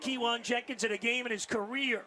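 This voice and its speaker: A man doing live American football play-by-play, with shouted, excited touchdown calls. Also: extremely high pitch, brisk, slight background noise. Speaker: play-by-play commentator.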